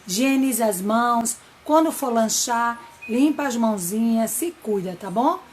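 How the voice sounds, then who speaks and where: A Brazilian woman teacher giving slow, caring advice to children. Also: on the high side, expressive, slight background noise. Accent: Brazilian Portuguese.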